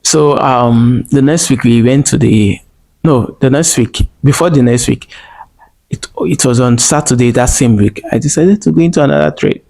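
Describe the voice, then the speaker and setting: A man's voice: mid-range voice, moderate pace, vocal fry, darkish tone. A man telling a personal story in a vlog, earnest and emotional, repeating phrases and speaking straight to viewers. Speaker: vlogger.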